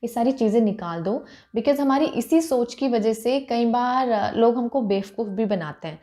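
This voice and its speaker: Her voice is warm and a little high, at normal speed. She's an Indian woman in her thirties, a vlogger with an Indian accent, chatting informally to camera in Hindi and English with many fillers.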